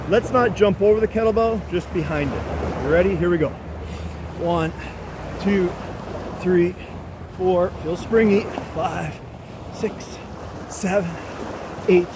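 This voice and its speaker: High-pitched male aerobics instructor, noisy beach recording. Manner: brisk, short commands and encouragement while exercising. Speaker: fitness coach leading a workout. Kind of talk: aerobics-instructor style exercise cueing with counting. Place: outdoors on an open sandy beach by the water. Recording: noisy outdoor recording with surf and wind.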